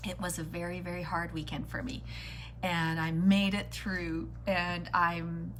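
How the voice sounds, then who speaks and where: A low-voiced woman hosts a casual beauty livestream. She chats straight to her viewers with friendly greetings and endearments while doing her makeup. There is noticeable noise and hum behind her voice. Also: level tone, unhurried. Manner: chatty, addressing viewers directly with greetings and endearments. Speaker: beauty vlogger hosting a live makeup tutorial.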